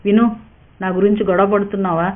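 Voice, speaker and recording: A woman voicing an ailing elderly father who speaks softly and wearily. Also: medium pitch, fairly even intonation, brisk, natural voice. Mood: weary, gentle. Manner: weak, tired, soft-spoken. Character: elderly ailing father, gentle and self-effacing. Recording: tinny narrow-band sound.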